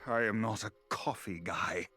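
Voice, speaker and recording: An actor playing a weary, stern and pompous friar in a video game, speaking formally as if preaching. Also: male voice, on the low side, measured pace, pushed and bright, slightly rough, full character voice. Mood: haughty, defensive. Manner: pompous, formal, sermonizing delivery. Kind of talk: scripted video game voice acting. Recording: music behind the voice.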